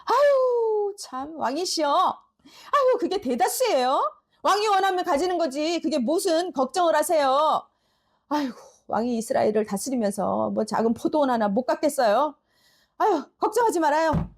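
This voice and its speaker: A woman's voice: high-pitched, lively intonation, normal speed, pitched above the performer's own voice. A woman pastor voicing a scheming queen who coaxes her sulking husband in a sugary, wheedling tone. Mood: coaxing.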